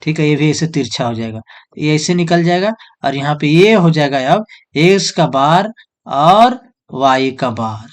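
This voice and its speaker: A man's voice: fairly high pitch, moderate pace. A male teacher who explains step by step, asking questions and answering them himself. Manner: repetitive question-and-answer teaching, "jo hai so" filler. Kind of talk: whiteboard lesson.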